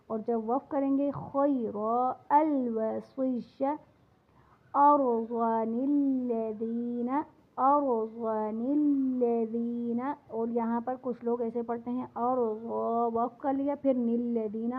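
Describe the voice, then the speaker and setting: A woman with a Pakistani Urdu accent teaching a tajweed lesson, switching between brisk explanations and slow, drawn-out recited examples. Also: fairly high pitch, gravelly. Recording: tinny phone-like lo-fi audio.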